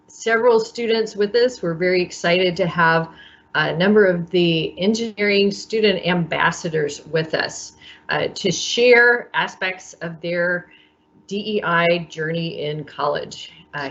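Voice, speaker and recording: A woman moderating a workshop panel over a video call, measured and welcoming as she introduces each speaker. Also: on the low side, fairly bright tone, dull audio. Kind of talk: hosting a panel.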